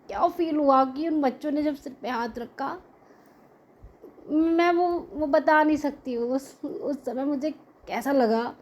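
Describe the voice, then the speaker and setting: A woman's voice: high-pitched, darkish tone. A middle-aged woman, sharing an earnest devotional testimony with a prayer group. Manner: earnest, grateful, heartfelt storytelling.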